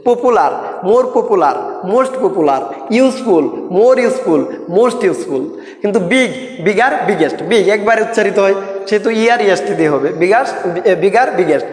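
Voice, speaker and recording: A man teaches grammar and talks in a high voice. He asks questions and answers them himself as he explains each step. His voice rings with long reverb, as if he is in a large bare room. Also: expressive. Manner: switches between slow English lines and Bengali explanation. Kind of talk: classroom-style grammar lesson.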